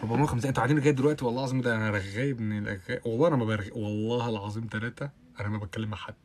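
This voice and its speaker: Fast-talking young Egyptian man. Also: steady tone, a little hiss or hum. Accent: Egyptian Arabic. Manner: rapid chatty talk with frequent oaths and bursts of loud high laughter. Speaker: live stream host. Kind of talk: casual live stream chat reading viewer comments.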